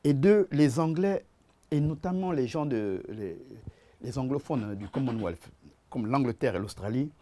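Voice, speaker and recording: Interviewed in a TV studio, this Gabonese musician-producer speaks French-accented and halting, frequently saying the same words twice. His warm, mid-range voice has lively intonation, and a little hiss or hum sits under the recording.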